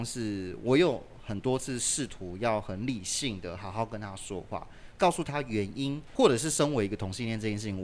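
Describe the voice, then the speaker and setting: Man, podcast guest, lively pitch, filler-heavy storytelling. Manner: animated, lots of "就是" fillers. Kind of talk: casual storytelling in a podcast interview.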